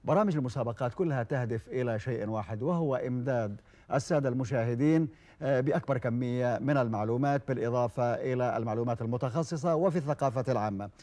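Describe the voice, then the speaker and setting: A man hosting a televised quiz show, formal and measured, with frequent hesitation fillers. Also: mid-range voice, dark tone. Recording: old television broadcast recording.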